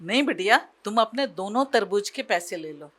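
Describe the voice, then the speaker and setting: A woman voicing a gentle, soft-spoken middle-aged father in a storybook tale. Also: mid-range voice, lively intonation, normal speed.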